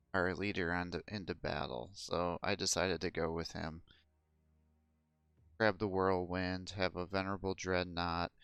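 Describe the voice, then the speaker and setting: A man with a very deep, smooth voice talks through his strategy game match. He thinks aloud with hesitant fillers as he plays. The sound is dry and close. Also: a bit bright, no echo. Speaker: gameplay commentator. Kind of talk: casual gameplay commentary.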